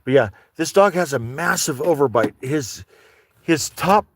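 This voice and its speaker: A man's voice: fairly high pitch, expressive, a little slow, dry recording. A man vlogging from his vehicle on private land before dawn, rambling casually and swearing as he talks to his dogs. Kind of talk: casual chat while driving.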